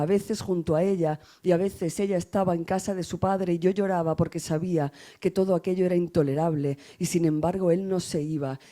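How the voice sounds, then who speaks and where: A woman from Spain reading her own poetry aloud in a measured, grave and intimate way, with a Spanish accent from Spain. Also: sits low, warm tone. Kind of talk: poetry recitation.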